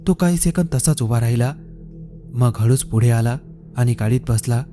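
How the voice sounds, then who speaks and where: A male storyteller narrating a scripted horror tale at a slow, suspenseful pace. His tone is very dark and warm, at an ordinary pitch for a man. Soft music plays faintly behind him.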